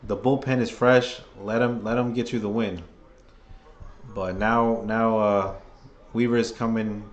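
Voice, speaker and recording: Man, hoarse, casual fan play-by-play host, rambling and opinionated. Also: fairly low pitch, flat delivery, unhurried, muffled recording. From New York. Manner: rambling, opinionated, restarts phrases often. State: hoarse, losing his voice.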